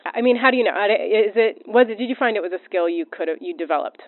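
A woman's voice: medium pitch, fast, no room sound. A woman asking long, blunt, teasing questions. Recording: tinny phone-like recording.

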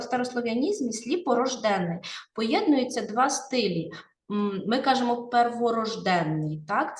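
A woman literature teacher with a Ukrainian accent, explaining a poem to her pupils and often checking that they follow along. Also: mid-range voice. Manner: explanatory, addressing pupils with frequent "так?" checks. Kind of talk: classroom poetry analysis lesson. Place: classroom. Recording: echoey classroom, from far off.

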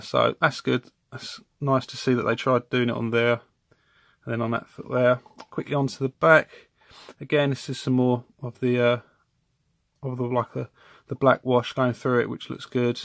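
This man's medium-pitched voice has a creaky quality as he reviews a collectible figure at home, rambling from behind the camera and catching his own mistakes. He's a toy reviewer surrounded by toy shelves. The sound is clean and studio-like, with no room noise.

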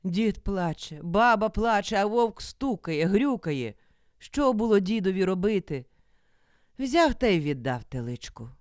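An actress with a Ukrainian accent, reading a folk fairy tale aloud in an expressive, dramatic way. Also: female voice, medium pitch, a little slow, no room sound, clean studio sound. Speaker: actress narrator. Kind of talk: storybook reading.

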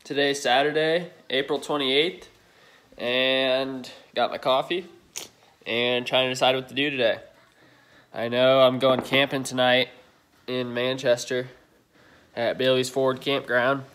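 A young man with a mid-range, fairly bright voice narrates his weekend vlog in a laid-back, rambling manner. He holds his phone camera at arm's length, filming handheld both outdoors and at home.

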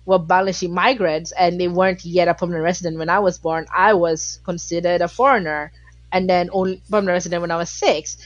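A woman's voice: lowish voice, quick pace, no echo, lo-fi sound. A woman from Malaysia, a podcast guest talking casually and emphatically with many fillers. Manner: animated, emphatic, frequent fillers. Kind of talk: casual interview talk.

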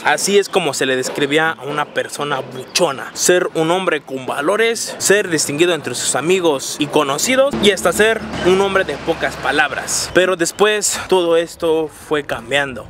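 A man's voice: on the high side, background noise. A young man hosting a street vlog, talking playfully to camera in slangy Spanish, exclaiming as he goes. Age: young adult. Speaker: vlog host. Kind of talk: animated street vlog presenting. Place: outdoors on city streets. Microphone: camera at arm's length. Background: music.

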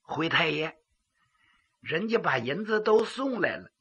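A male storyteller voicing an obsequious bookkeeper with a raspy voice. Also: a little high, very animated, measured pace, a bit bright, dull audio, full character voice. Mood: meek.

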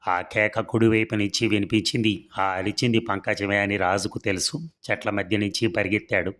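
A man reading a serialized story aloud in a steady, even storytelling manner. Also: fairly low pitch, moderate pace.

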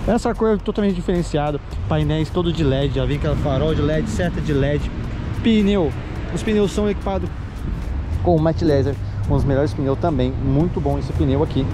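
Speaking directly to his audience, a motorcycle channel host gives an eager, laid-back running commentary on a test ride, circling back to the same points. His voice is on the high side.

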